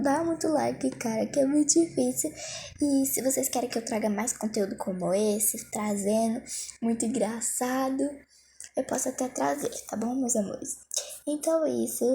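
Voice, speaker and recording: A young woman vlogging casually, flustered and hurried as she races a timer. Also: high-pitched, mellow, a little hiss or hum. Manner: flustered, hurried, self-mocking. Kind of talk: casual self-talk during a timed phone challenge.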